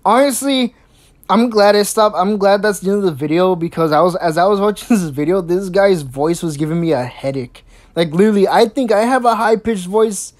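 The host, a woman with a darkish tone and a brisk delivery, mocks her subject in a sarcastic, crude reaction commentary. She swears a lot, keeps restarting as she stumbles, and does squeaky-voiced impressions.

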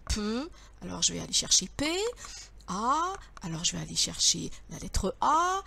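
A woman's voice: fairly low pitch, very animated, moderate pace, gravelly, sharp tone, slight background noise. A woman teacher with a French accent, giving a patient lesson to young children and stretching out syllables in a sing-song way.

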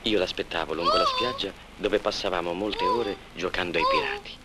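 A man's voice: on the low side, huge pitch swings, brisk. An actor playing a reflective Italian man, narrating his memories wryly in a 1950s film style. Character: reflective grown man recalling his rural childhood. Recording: old film soundtrack with loud music.

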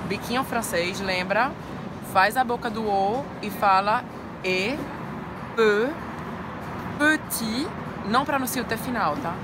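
A woman giving friendly short vocabulary lessons, repeating each word slowly. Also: on the high side, noisy background. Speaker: French teacher. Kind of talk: short scripted language lesson. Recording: loud music bed underneath.

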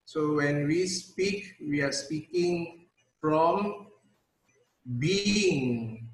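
Guy on a choppy video call, audio breaking up, slow and roomy, voice a bit high. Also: distant mic. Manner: slow, deliberate, repeats key words. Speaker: session leader. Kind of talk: online spiritual talk.

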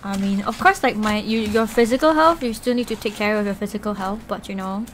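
A woman's voice: mid-range voice, fairly quick, slight background noise. A young woman, chatting casually with her viewers while she eats. She rambles and giggles, leaning on "like" constantly. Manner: rambling and giggly, heavy use of "like". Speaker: Twitch streamer.

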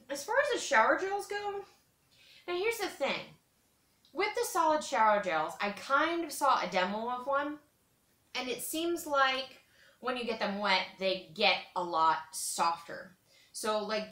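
A woman's voice: fairly low pitch, sharp tone. A young woman chatting casually and rambling as she thinks aloud, recorded on a camera a little way off in a small room indoors. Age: young adult. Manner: conversational, thinking aloud, repetitive. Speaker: vlogger. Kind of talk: casual rambling chat while cutting soap. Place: small carpeted room with bare walls, indoors. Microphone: camera a metre or two away. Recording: echoey room, camera mic at a distance.

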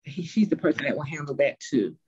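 A woman's voice: low voice, lively intonation, brisk, darkish tone, highs cut off, a little hiss or hum. A woman who works in children's ministry, politely thanking a presenter on a video call.

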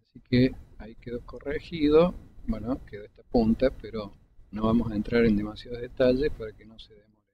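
A man, calmly explaining each step of a 3D modeling tutorial over a screen recording, pausing between clicks. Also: gravelly. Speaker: 3D modeling instructor. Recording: dull lo-fi desktop mic with faint rumble.

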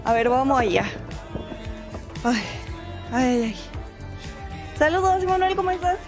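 A woman's voice: high-pitched, lively intonation, measured pace, music in the background. A woman with a Mexican accent streaming a game from home, chatting casually and greeting viewers by name. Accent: Mexican Spanish. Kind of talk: casual live-stream chat.

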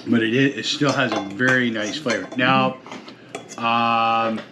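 Cutlery and dishes clink in the background as a middle-aged cooking show host talks viewers through the steps like folks, in his home kitchen and dining room. He speaks a little slowly in a steady, mid-range voice, with background noise present.

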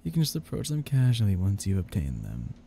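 Man playing a mellow, smug tempting devil. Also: lowish voice, wildly swooping pitch, brisk, gravelly, slight background noise, heavily acted. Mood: persuasive. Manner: sly, coaxing, teasing. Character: smug, tempting male devil, scheming and playfully menacing. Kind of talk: ASMR audio role-play.

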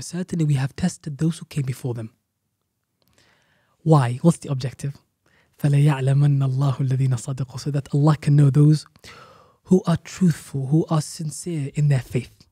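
A man's voice: fairly high pitch, mellow, husky, no echo, clean studio sound. A man, an Islamic teacher and podcast guest, earnestly explaining Quran verses and repeating key phrases for emphasis.

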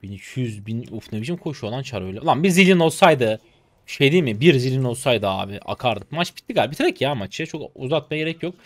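A young man from Turkey streams a game and chats non-stop with his viewers, excitable and teasing. His voice leaps up and down in pitch with real animation. The sound is dry and close to the mic, with no room around it. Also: quick pace, no room sound. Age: 20s. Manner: excitable, chatty, talks to chat, bursts of laughter and teasing. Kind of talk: live gameplay commentary.

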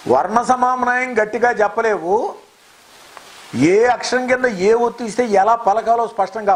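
A man's voice: high-pitched, poor audio. A man giving an impassioned lecture on society, firing off rhetorical questions in long scolding lists and mocking others in quoted voices. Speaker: scholar giving a commentary on society.

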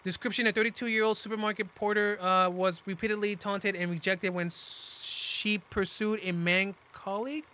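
A Californian reaction video host in his twenties gives casual, slangy commentary full of exclamations from a small room at his gaming setup. His high, bright voice is forceful and fairly even in intonation, moving at a moderate pace with few pauses. Music plays under slight background noise.

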